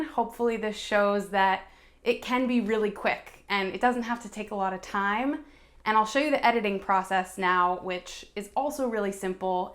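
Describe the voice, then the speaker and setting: A woman's voice: mid-range voice, fairly bright tone. A woman stop-motion artist talking through a tutorial in a chatty, casual way, muttering asides as she works. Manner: chatty, talks while working, muttering asides.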